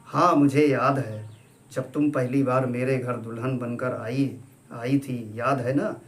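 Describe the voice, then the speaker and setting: A man voicing an affectionate middle-aged husband, gentle and coaxing, in a storybook reading. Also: mid-range voice, steady tone, measured pace, natural voice. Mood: tender.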